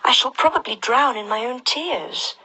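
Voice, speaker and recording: A woman putting on a polite, bewildered little girl, raised well above her own low voice into a prim, high tone. The voice is bright yet breathy, as in a storybook read aloud. She plays the girl between her narration. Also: normal speed, low-quality recording. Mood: worried.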